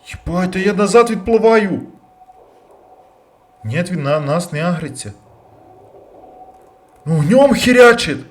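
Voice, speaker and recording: A man commentating his own gameplay, bursting into loud curses and then dropping to quiet muttering. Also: sits high, lively intonation. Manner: loud outbursts and heavy swearing; jumpy, rapid switches between yelling and muttering. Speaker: let's play gamer.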